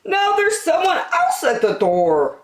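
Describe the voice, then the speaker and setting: Woman as good-hearted park keeper man, gently fussed, storybook, swooping intonation, echoey room. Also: extremely high pitch, wildly swooping pitch, unhurried, pitched above the performer's own voice, heavily acted. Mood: flustered. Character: kindly, slightly flustered male park keeper. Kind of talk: children's storybook character voice.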